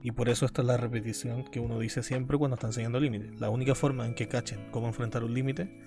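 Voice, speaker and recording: A man's voice: medium pitch, darkish tone. Man explaining a calculus lecture. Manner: explanatory, often checks in with students. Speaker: university math lecturer.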